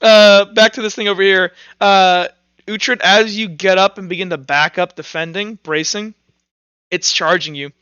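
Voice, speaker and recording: Acting as game master for a tabletop roleplaying game, a man improvises informally and haltingly, thinking aloud as he goes. His high voice is crisp and sharp with fairly even intonation, in a dry, slightly dull recording with no echo.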